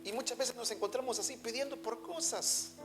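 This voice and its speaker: A man's voice: extremely high pitch, a little fast. A man preaching a sermon as a pastor, in an emphatic, fervent manner. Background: soft music.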